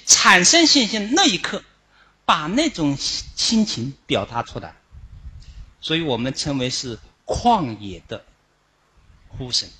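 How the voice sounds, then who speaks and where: A man giving an instructional Dharma talk on chanting, explaining it in a measured way with frequent drawn-out "ah" fillers. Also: high-pitched, bright, forceful tone, husky. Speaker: Buddhist chanting teacher.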